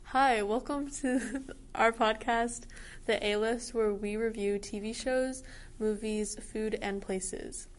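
A teenage girl co-hosting a casual review podcast, easygoing and quick to laugh. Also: fairly high pitch, steady tone. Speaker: co-host. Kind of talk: casual chat.

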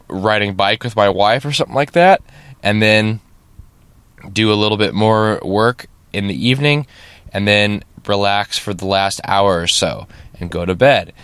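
Man, podcast host, nasal cold voice, lowish pitch, dry close mic. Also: a bit bright, clean tone, no room sound. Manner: rambling, often asks "right?". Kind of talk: casual solo podcast talk. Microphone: studio podcast microphone.

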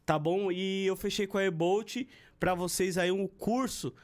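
A man's voice: sits high, steady tone, unhurried. A man hosting a podcast, chatting casually and reading a sponsor plug. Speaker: podcast host. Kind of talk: casual chat and sponsor read.

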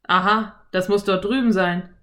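A woman voicing a lanky, friendly male cowboy in an audiobook, speaking loudly with an easy, self-assured drawl. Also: mid-range voice, steady tone, a little slow, natural voice. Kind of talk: audiobook character voice.

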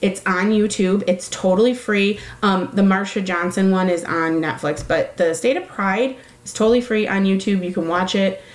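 A woman's voice: mid-range voice, moderate pace, hardly any pauses, reverberant, poor audio. A woman talking casually, rambling with many fillers and correcting herself as she goes. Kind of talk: casual chat.

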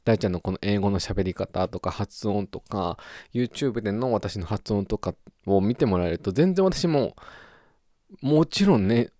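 A man's voice: fairly low pitch, unhurried, no room sound, clean studio sound. A young man from Japan hosting a podcast, chatting casually and playfully with silly sound words. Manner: playful, animated, with goofy sound words and wordplay. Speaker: podcast host. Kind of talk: casual solo podcast talk.

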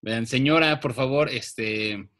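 A man with a Mexican accent co-hosting a casual chat show, laid-back and slangy, with animated bursts. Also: medium pitch, slow pace. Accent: Mexican Spanish. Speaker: podcast co-host.

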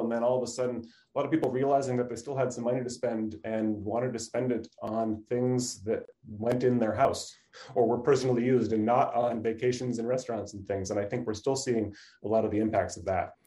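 An academic supply chain expert appears as an interview guest, a man whose voice is mellow and relaxed at an average pitch. He explains things informally and a little fast, often checking in with "you know" and "right." The recording quality is low.

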